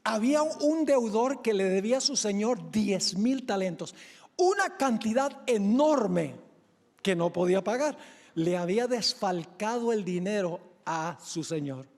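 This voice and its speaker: High-voiced pastor preaching in a reverberant hall. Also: male voice, lively intonation, measured pace, a little mellow. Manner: earnest, emphatic, addresses the congregation directly. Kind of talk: sermon.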